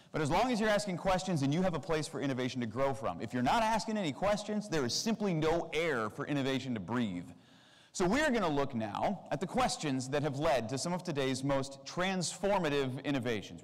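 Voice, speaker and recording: A man in his forties giving a comedic keynote talk on a convention stage, animated, with sarcastic asides and big jumps in pitch. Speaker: keynote speaker. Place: large convention hall stage. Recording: long hall reverb.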